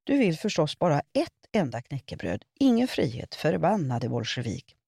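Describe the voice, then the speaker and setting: A woman reading a humorous column, voicing a pompous older gentleman defending a shop owner. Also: deep voice, big pitch swings, gravelly, slightly rough, no room sound, studio quality, heavily acted. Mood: indignant. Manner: pompous, indignant. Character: indignant older gentleman waving a leek like a sword.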